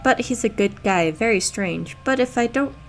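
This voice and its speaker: A woman reading aloud a gentle, chatty young woman in a video game, soft-spoken. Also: fairly high pitch, expressive, normal speed, soft background music. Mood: fond.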